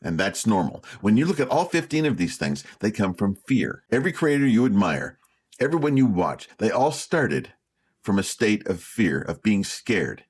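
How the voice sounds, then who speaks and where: A man's voice: fairly low pitch, sing-song, normal speed, a little mellow, slightly rough. A man hosting a vlog, giving plain-spoken motivational advice to camera, repeating key phrases and teasing with rhetorical questions. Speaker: vlog host.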